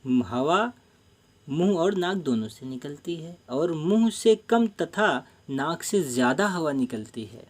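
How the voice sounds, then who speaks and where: A man teaching a Hindi grammar lesson for exam preparation, explaining each term slowly, repeating himself and often calling the viewers friends. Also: on the high side, expressive.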